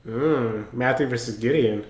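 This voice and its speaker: Speaking a little slowly in a medium-pitched voice, a reaction-video host keeps up informal, slang-filled commentary and exclamations. There's a little hiss or hum, a roomy echo, and music from the show being watched in the background.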